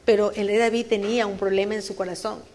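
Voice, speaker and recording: A woman's voice: mid-range voice, flat delivery, fast talker, a little mellow, slight background noise. A woman preaching a sermon at a church service, earnestly questioning her listeners and repeating phrases for emphasis. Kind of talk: Spanish-language sermon.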